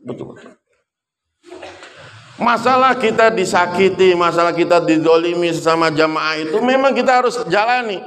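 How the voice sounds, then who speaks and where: A man's voice: fairly high pitch, fairly bright tone, a little hiss or hum. A man preaching an after-prayer sermon, telling stories and acting out the voices of the people in them. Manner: storytelling, acts out quoted voices. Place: mosque. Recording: long reverb of a mosque hall.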